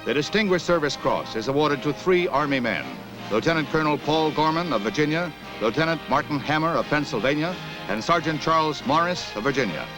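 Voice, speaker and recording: A man's voice: a little high, lively intonation, brisk, low-quality recording. A man giving formal, declamatory narration for an old 1960s newsreel. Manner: formal, declamatory announcer delivery. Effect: old newsreel soundtrack. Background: music.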